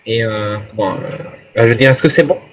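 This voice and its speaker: Pretending to be a hotel guest, a man places an improvised prank phone call, talking in a hesitant, rambling manner. His voice is mid-range and a little fast. The call is noisy, with clicks on the line.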